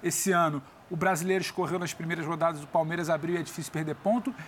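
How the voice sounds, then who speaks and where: Fast-talking man thinking aloud. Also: fairly high pitch, fairly even intonation, slight background noise. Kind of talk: studio football debate.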